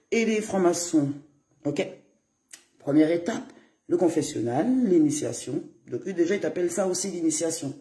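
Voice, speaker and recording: A woman's voice: sits low, dark tone. A woman hosting a live stream, chatting casually with her viewers and swearing now and then. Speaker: livestream host. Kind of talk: casual livestream commentary. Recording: roomy echo.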